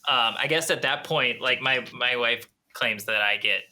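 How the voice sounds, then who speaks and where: Minnesota guy chatting on a call, real bright voice, lots of ums and restarts. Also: mid-range voice. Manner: halting, many restarts and fillers. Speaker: podcast guest. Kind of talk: casual chat.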